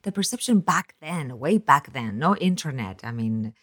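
Low-pitched woman host from spain, chatty podcast interview, rambles on. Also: animated, moderate pace, a bit bright, husky. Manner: talkative, rambling with restarts.

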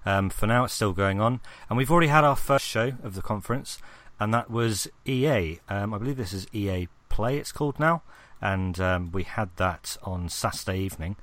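Man, low voice, gaming podcast host, rambling, lots of ums, dry close sound. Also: expressive, normal speed, hardly any pauses, fairly bright tone, no echo. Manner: rambling, many ums and restarts, asks his co-host questions. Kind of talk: casual gaming chat.

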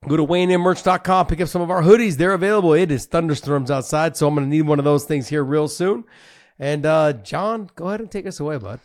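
Excitable laughing podcast host. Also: male voice, on the high side, fast talker. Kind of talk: casual podcast chat.

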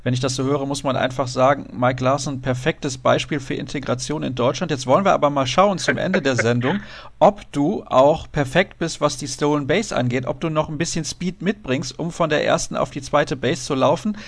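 A man's voice: on the high side, normal speed, vocal fry. A man hosting a casual interview show, putting questions to a guest in conversational German. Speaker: radio show host.

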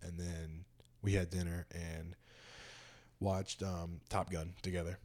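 A man's voice: low-pitched, level tone, takes it slowly, a little mellow. A young man chatting casually with a friend, telling laid-back stories and laughing often. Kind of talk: casual chat.

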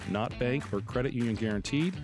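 A man's voice: mid-range voice, brisk. An American man reads a scripted legal disclaimer as an announcer, reciting the fine print formally and without a break. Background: guitar music.

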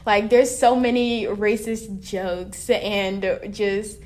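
A young adult woman, a staff writer who co-hosts a podcast, rambles through a casual roundtable discussion and sometimes searches for words. She speaks slowly and steadily in a mid-range, darkish voice.

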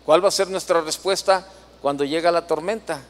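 Preacher in a reverberant hall. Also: male voice, a little high, moderate pace. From Mexico. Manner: conversational, many fillers and tag questions. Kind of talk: sermon with personal story.

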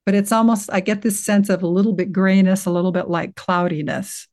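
An older woman gently guiding a listener through an inner awareness exercise, reassuring and unhurried, with frequent restarts. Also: medium pitch, steady tone. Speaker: guest teacher guiding a practice. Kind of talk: guided meditation walkthrough in conversation.

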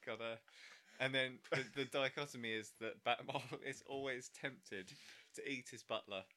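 A man with a bright, clear voice at a middle pitch, co-hosting a casual podcast. He talks in loose banter and riffs playfully on absurd ideas, often breaking into laughter. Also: normal speed. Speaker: podcast co-host.

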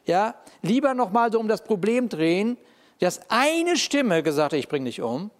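A man preaching a sermon in a lively, conversational way, often checking in with his listeners. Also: high voice, normal speed. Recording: long reverb of a large hall.

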